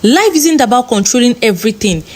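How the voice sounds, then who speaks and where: A woman's voice: on the high side, lively intonation, fairly quick, darkish tone. A woman voicing a concerned young woman who earnestly urges her ex-boyfriend to listen. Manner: earnest, urging.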